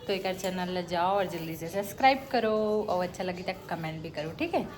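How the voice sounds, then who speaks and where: A woman's voice: lowish voice, animated, fairly quick, darkish tone. A woman vlogger from Chhattisgarh with a Chhattisgarhi accent, chatting casually to her viewers as friends. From Chhattisgarh, India. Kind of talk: casual vlog talk.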